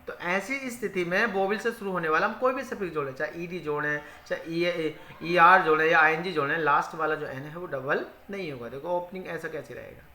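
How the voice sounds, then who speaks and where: His voice is high with a sharp tone as this male English teacher explains spelling rules in a spoken grammar lesson. Each rule gets repeated in Hindi, and he asks questions only to answer them himself. The room echoes.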